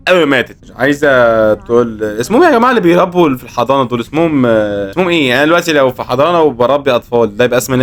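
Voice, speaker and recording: Fast-talking man, Egyptian Arabic accent, excitable, exclaiming, horror game let's-play. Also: mid-range voice, slight background noise. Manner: excitable, exclaiming, joking reactions. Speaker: gaming host.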